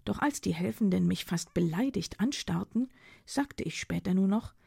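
A woman's voice: mid-range voice, animated, normal speed, creaky, warm tone, slightly rough, no room sound, clean studio sound, exaggerated voice. Woman voicing a proud, prickly woman artist. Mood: explaining. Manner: defiant and indignant.

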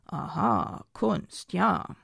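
A woman voicing a boastful, teasing male journalist who talks down to others in an audiobook, with a husky, gravelly voice. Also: on the low side, drawn-out words, a bit bright, no echo, studio quality, full character voice. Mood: mocking. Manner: condescending, mocking banter.

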